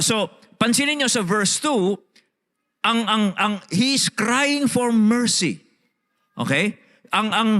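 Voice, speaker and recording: High-voiced Filipino man preaching in a hall. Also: a bit bright. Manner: mixes Tagalog and English, frequent "Okay?" check-ins, repeats words. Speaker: pastor. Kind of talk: sermon.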